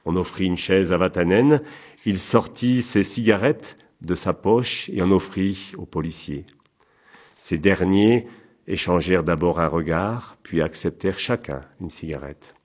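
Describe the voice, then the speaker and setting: A man narrating an audiobook in a calm, even, measured way. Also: sits low.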